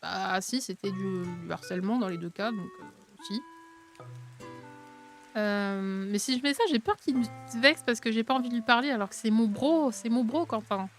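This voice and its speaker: Chatty, higher-voiced woman streaming a game. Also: moderate pace. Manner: chatty and expressive, mocking other characters in exaggerated high tones. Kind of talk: casual let's-play commentary, reading game dialogue aloud. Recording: faint game music underneath.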